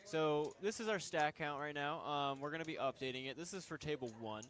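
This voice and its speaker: A man's voice: a little high, brisk, fairly bright tone. Young man rambling through poker commentary. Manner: joking, rambling, with fillers. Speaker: stream commentator. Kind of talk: casual poker stream commentary.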